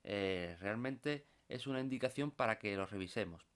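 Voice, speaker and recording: Speaking at a moderate pace in a fairly low, expressive voice, a Spanish instructor patiently explains software in a screen-recorded computer course. He keeps adding "¿vale?" to his phrases.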